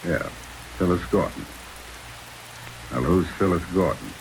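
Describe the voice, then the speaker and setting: An actor playing a tough, skeptical detective in 1940s radio drama style, with a dry, blunt, wisecracking delivery. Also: male voice, lively intonation, a little slow, creaky, full character voice, rough recording. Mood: defiant, blunt. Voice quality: deep. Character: tough, skeptical male detective under arrest. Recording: old radio recording under hissing rain.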